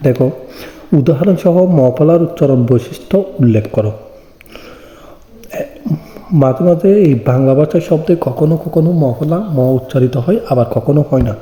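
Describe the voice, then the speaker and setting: A man's voice: a little high, moderate pace, long pauses, mellow. A man teaching an online exam-prep lesson, explaining step by step and answering his own questions. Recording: echoey room with long reverb.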